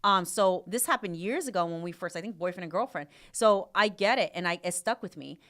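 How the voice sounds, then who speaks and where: A woman co-hosting a podcast in a casual chat, telling stories in an animated way, recorded in a studio. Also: lowish voice, brisk. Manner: animated storytelling, acting out her daughter and herself in quotes. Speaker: podcast co-host.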